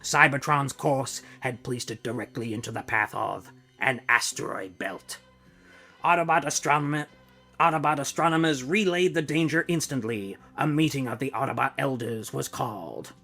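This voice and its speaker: A man's voice: mid-range voice, moderate pace, vocal fry, sharp tone, soft background music. A man giving a dramatic, grandiose scripted narration of a comic book. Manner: grandiose, declaiming.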